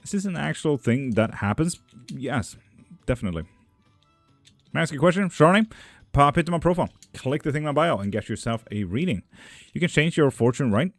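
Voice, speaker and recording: A young witchcraft streamer does tarot readings live, joking loosely with his chat, reading their messages aloud, and swearing a lot. His slightly high voice is animated and fairly quick. There's no echo, just soft music in the background.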